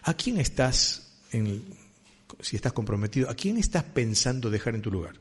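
A man's voice: medium pitch, very animated, moderate pace, husky. A man preaching a sermon with a Rioplatense Spanish accent, talking conversationally and asking his listeners questions. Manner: conversational, asks the congregation questions.

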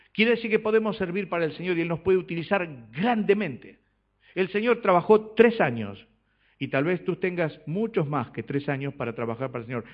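A man preaching a sermon in church, swinging between loud exhortation and soft asides and asking the congregation rhetorical questions. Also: medium pitch. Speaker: pastor. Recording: dull lo-fi recording.

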